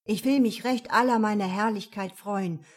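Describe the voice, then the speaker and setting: A woman's voice: mid-range voice, normal speed, natural voice. A woman voicing a naive young fir tree in a fairy tale, asking earnest, wondering questions.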